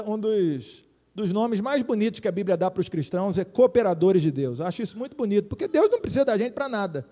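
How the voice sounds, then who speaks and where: Speaking in a warm, high voice with a Brazilian Portuguese accent, a middle-aged Brazilian man preaches as a pastor in a church hall. He jokes and chats, peppering his sermon with tag questions to engage the crowd, and the hall's reverb is audible.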